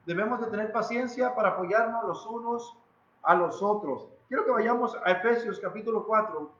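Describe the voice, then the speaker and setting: A man's voice: high voice, moderate pace, fairly bright tone, echoey room, muffled recording. A man with a Mexican Spanish accent preaching a sermon in a church, emphatic and dramatic, who repeats phrases and puts questions to the congregation. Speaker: pastor. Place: church hall.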